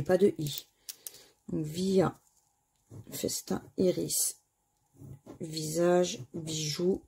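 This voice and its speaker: Slow gravelly-voiced woman vlogger. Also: lowish voice, warm tone. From France. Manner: slow, spells letters aloud, sighs over losses. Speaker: scratch-card vlogger. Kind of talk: casual commentary while scratching tickets.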